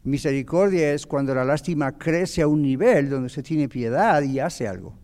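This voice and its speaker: A man's voice: on the high side, moderate pace, darkish tone. Man teaching Bible class in echoey hall. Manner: asks the audience questions, explains patiently. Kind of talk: church Bible lesson.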